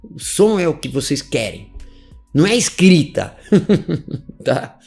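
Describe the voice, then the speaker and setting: A man's voice: fairly high pitch, big pitch swings, takes it slowly, creaky, darkish tone, soft background music. A man from Brazil giving a live online English lesson, explaining emphatically, asking rhetorical questions and checking in with "né?" and "tá?". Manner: chuckles between points. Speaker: English teacher.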